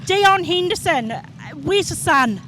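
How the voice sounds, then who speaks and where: Female pit reporter, New Zealand accent, high voice, chatty live interviewing outdoors amid vehicle noise. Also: animated, slow pace, a bit bright. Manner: chatty, encouraging. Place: outdoors in rain at a speedway. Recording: noisy outdoor speedway with vehicles.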